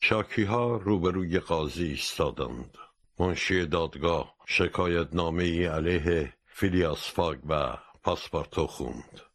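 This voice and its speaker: Very deep-voiced male audiobook narrator. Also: no room sound. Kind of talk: scripted storybook narration.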